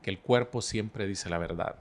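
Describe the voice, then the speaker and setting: Calm man telling stories. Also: lowish voice. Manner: storytelling, explains with analogies, calm and measured. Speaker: podcast guest speaker. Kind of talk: relaxed podcast conversation.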